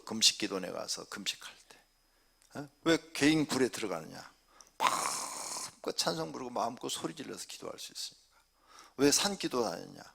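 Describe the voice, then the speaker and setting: A middle-aged man preaching a Korean church sermon, swinging between loud exclamations and hushed asides. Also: lowish voice, creaky, husky. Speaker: pastor.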